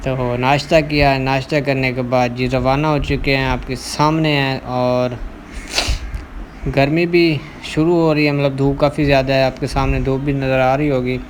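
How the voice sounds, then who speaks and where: A man's voice: mid-range voice, little pitch movement, normal speed, a little hiss or hum. A man with a Punjabi accent narrating a casual village vlog outdoors in an orchard, talking chattily with many fillers. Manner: chatty, fillers like "matlab" and "theek hai". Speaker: vlogger.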